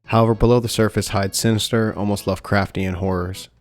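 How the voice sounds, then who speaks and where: A young man narrating a scripted video game review in a steady, dry way with light jokes. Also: fairly low pitch, fast talker. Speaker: gaming YouTuber. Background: soft background music.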